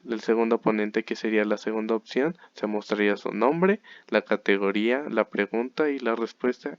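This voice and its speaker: A man's voice: on the low side, clean tone, dry recording, dull audio. A young man, an engineering student, explaining his school programming project step by step, sometimes catching and correcting himself. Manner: methodical step-by-step walkthrough with self-corrections.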